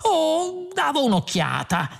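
A woman's voice: high-pitched, huge pitch swings, takes it slowly, vocal fry, voice pushed up, heavily acted. A woman voicing a flashy, boastful two-headed alien man who talks in a breezy, evasive way.

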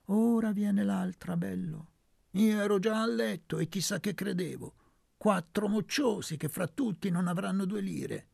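A woman's voice: medium pitch, a little slow, creaky, darkish tone, husky, no echo, clean studio sound, pitched above the performer's own voice, full character voice. A man voicing a contemptuous woman of about thirty, scornful and bitter in an audiobook reading. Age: 30s. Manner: scornful, spiteful. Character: bitter, contemptuous young prostitute.

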